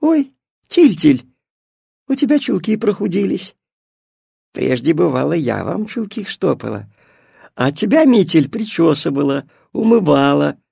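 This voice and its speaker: A doting old grandmother with a raised, gravelly voice, coaxing and tender, her tone swinging widely, as a man reads her part. The storybook voice sounds slow and dry, close to the mic. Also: a little high, big pitch swings, dark tone, dry recording, heavily acted. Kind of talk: storybook reading.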